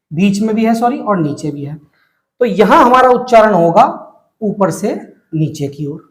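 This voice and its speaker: High-voiced Hindi teacher drilling syllables. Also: male voice, roomy sound. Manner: slow, repetitive drilling of syllables. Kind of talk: whiteboard reading lesson.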